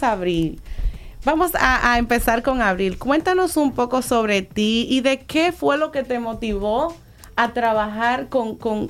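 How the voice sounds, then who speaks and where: Hesitant higher-voiced woman host. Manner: hesitant, many fillers. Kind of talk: hosting a panel.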